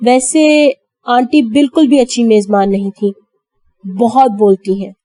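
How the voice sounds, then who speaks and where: A woman's voice: fairly high pitch, steady tone, mellow, no room sound, close to an everyday voice. A woman voicing a mocking male villain who taunts his brother. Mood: gloating. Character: gloating menacing male villain.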